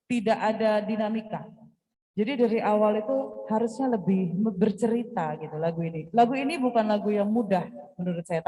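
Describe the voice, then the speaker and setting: A woman's voice: mid-range voice, dark tone. A woman judging a singing contest, speaking candidly and chattily as she politely disagrees and critiques. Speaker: singing competition judge. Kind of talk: spoken judge critique. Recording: long hall reverb.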